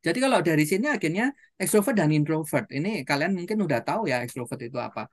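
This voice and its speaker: Brief: trainer telling audience stories, mid pitch, chatty asides, dry close sound. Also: animated, fast, no echo. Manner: storytelling, with frequent rhetorical questions and "gitu ya" tags. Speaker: seminar trainer. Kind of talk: motivational seminar talk.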